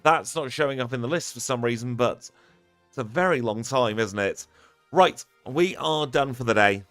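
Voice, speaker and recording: A man's voice: mid-range voice, normal speed, a bit bright, no echo, faint music behind. A man wrapping up a live game stream, chatty and upbeat as he thanks his viewers one by one. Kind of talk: live stream sign-off chat.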